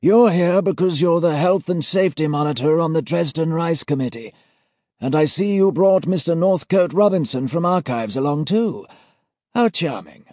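A man's voice: a little high, expressive, moderate pace, no room sound, clean studio sound, voice pushed up, natural voice. A man putting on a silky, courtly old auditor. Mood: politely menacing. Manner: courteous, formal, quietly menacing. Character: genteel older male senior auditor, menacingly polite.

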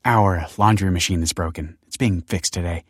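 A man's voice: low-pitched, moderate pace, slightly rough, dry recording, clean studio sound. A male audiobook narrator voicing a stiff, defensive woman who runs a factory and answers in curt, guarded lines.

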